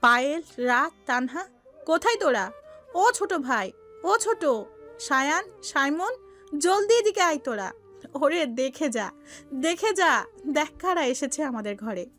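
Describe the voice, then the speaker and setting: Woman as doting middle-aged mother, high, unhurried, emotional, soft music bed. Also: animated, full character voice. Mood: excited calling. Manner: calls out loudly, tearful and doting.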